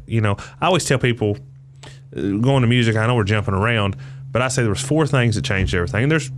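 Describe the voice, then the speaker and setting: A man in his thirties hosting a podcast in a small studio, talking casually and giving his opinions in long stretches. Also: on the low side. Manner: opinionated, lecturing in long runs. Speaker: podcast host. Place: small radio studio with posters. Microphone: studio boom mic.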